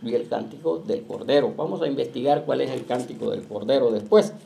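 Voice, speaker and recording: A male pastor preaching to his church, often checking in with the congregation and slowing down to read scripture aloud. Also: medium pitch, gravelly, a little hiss or hum. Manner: keeps asking the flock "¿verdad?"; reads scripture slowly and loudly. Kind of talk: Pentecostal-style sermon. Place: church in Las Vegas.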